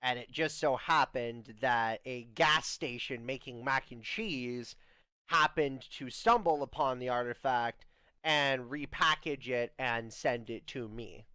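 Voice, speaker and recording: A man's voice: medium pitch, measured pace, bright, forceful tone, clear, resonant tone, no room sound. A stammering young man hosting a comedy show. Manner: stammering, restarts and puns. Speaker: host. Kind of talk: comedic scripted podcast skit.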